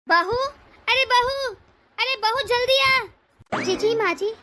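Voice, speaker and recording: A woman's voice: very high voice, a little fast, sharp tone. A woman doing a bossy old cartoon mother-in-law. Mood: scolding. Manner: scolding, domineering, melodramatic. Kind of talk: cartoon voice acting.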